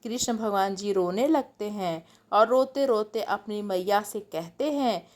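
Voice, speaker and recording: A woman's voice: medium pitch, a little slow, darkish tone. A woman narrating a devotional story in a homely, chatty way, addressing her listeners as friends.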